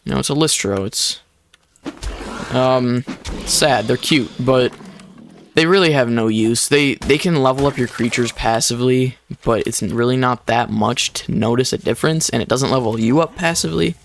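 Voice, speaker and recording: A young man with a gravelly, low-pitched voice talks through his gameplay in a loose, chatty way. He explains each step as he goes, with lots of fillers. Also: moderate pace, slight background noise. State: short of breath at times. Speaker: gaming YouTuber. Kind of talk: casual gameplay commentary. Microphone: desk microphone.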